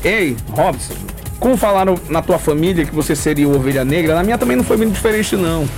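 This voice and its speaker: A man, hosting a casual radio show with enthusiastic, rambling chat and shout-outs. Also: fairly high pitch, expressive, fast talker. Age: 40s. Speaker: radio host. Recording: music bed under the talk.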